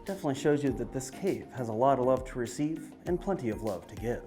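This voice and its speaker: Lively male cave tour guide over music. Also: medium pitch, fast talker. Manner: explanatory, presenting sights on the move. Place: on location along a cave tour. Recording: music behind the voice.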